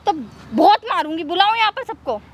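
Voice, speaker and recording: A woman's voice: very high-pitched, lively intonation, brisk. A woman passer-by confronting a man on the street, commanding and insistent. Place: city street outdoors. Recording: loud street noise behind.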